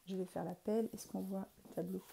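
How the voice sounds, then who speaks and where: A woman teaching young children remotely, speaking clearly and spelling out letters and sounds. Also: medium pitch, steady tone, brisk, mellow, a little hiss or hum. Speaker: primary school teacher. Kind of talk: remote lesson for young pupils. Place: classroom in front of a board.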